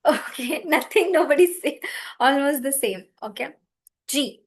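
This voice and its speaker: A woman's voice: high voice, lively intonation, a little slow. A woman hosting a live event in a casual, encouraging way. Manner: encouraging, addresses listeners as dear and y'all. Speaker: host of a children's reading contest.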